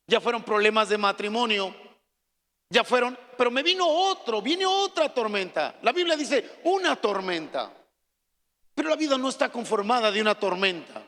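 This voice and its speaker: High-voiced preacher in a reverberant hall. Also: male voice. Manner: preaching with dramatic swings, from soft pleas to shouting. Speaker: pastor. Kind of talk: sermon.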